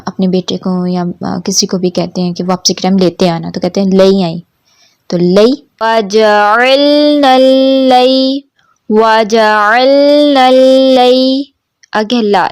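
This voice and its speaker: A woman teaching Quran pronunciation, reciting verses slowly and drawn out, then explaining quickly in between. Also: mid-range voice, warm tone, no echo, studio quality.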